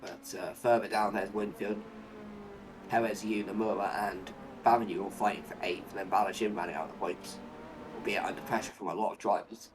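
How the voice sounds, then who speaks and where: A man's voice: fairly low pitch, steady tone, fairly quick, background noise. A man commentating live on a motor race, play-by-play, narrating each move and posing running questions.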